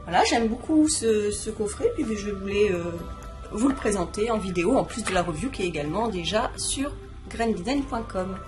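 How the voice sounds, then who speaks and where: A woman talks through a card deck review in a relaxed, chatty vlog style, explaining each item as she shows it. Her voice sits at an ordinary middle pitch. Clear music plays behind her the whole time. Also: moderate pace. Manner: chatty, explanatory, showing items to camera. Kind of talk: casual product review vlog.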